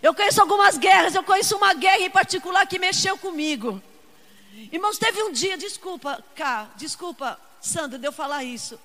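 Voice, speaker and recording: An older woman preaching a fervent sermon, shouting at times and breaking into speaking in tongues. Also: very high voice, expressive, a little fast, in a large hall.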